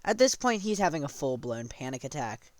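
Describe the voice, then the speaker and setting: A man's voice: a little high, very animated, a little fast, dry recording. A man casually retelling a tabletop game session, rambling and often correcting himself mid-sentence. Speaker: storyteller.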